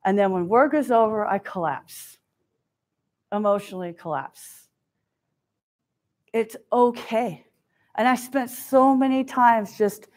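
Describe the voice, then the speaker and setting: A woman giving a keynote talk, telling a personal story in an animated way and acting out the quoted voices. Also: mid-range voice. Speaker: keynote speaker. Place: stage before an audience.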